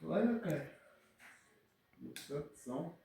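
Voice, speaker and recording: A man's voice: a little high, expressive, slow, gravelly, dark tone. A man with a Brazilian accent in casual, boastful gaming banter, recorded at a distance in an echoey, noisy room.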